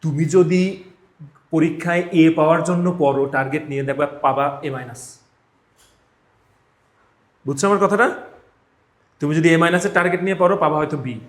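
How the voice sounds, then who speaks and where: This spoken English teacher, a man with a Bangladeshi accent, speaks at normal speed in a slightly high voice and pauses often. He gives live classroom instruction with drills, emphatic and repetitive, regularly making sure students follow. The indoor classroom recording has an echo.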